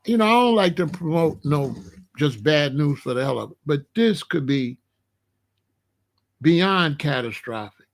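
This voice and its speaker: A man's voice: a little high, animated, measured pace, long pauses. A middle-aged or older American man chatting casually to his online viewers, colloquial and emphatic, repeating phrases for stress. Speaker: online video host. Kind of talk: casual livestream chat warning viewers about weather.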